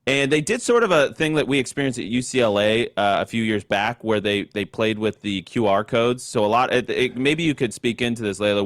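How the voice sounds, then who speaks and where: A man's voice: medium pitch, no echo, studio quality. A man hosting a political talk show, giving commentary and putting questions to guests.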